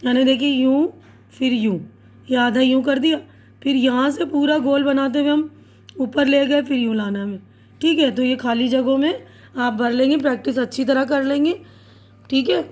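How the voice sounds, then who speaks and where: A woman teacher calmly walking pupils through writing and reading words, spelling each one out letter by letter and checking in often with short confirmations. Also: sits high, normal speed. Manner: checks in with "theek hai" often. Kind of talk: step-by-step writing lesson.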